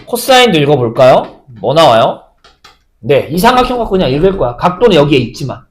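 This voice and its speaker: Man, math teacher, lively pitch, slightly high voice, asks and answers his own questions. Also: a little fast. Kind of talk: recorded math lesson.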